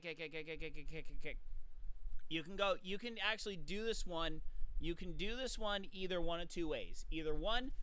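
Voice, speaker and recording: A man talks through swimming drills in a casual, coaching way, counting kicks aloud as he goes. His voice sits high and sounds smooth and clean. The recording is dry and close, with no room echo. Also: fairly bright tone. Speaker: swim coach. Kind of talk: casual instructional talk.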